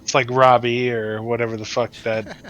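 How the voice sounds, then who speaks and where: A man's voice: mid-range voice, little pitch movement, moderate pace, a bit bright, smooth, rough recording. A man chatting casually with friends during a game, dry and teasing. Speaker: gaming friend. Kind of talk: casual gaming chat.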